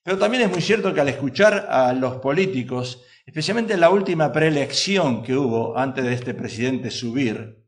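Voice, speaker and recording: A man's voice: medium pitch, lively intonation, moderate pace. A male pastor preaching a sermon in a church, emphatic and full of rhetorical questions to the congregation.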